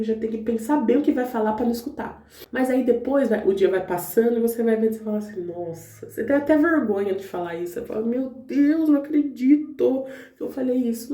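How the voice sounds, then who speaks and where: A woman's voice: mid-range voice, mellow. A woman giving her faith testimony to the camera in casual, earnest talk. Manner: earnest, talks straight to viewers. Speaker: vlogger sharing her testimony. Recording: roomy echo, distant mic.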